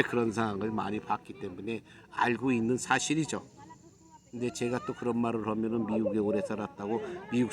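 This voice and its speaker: A middle-aged man from Korea giving a preachy, admonishing monologue to his viewers, with emphatic pauses. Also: lowish voice. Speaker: YouTube commentator.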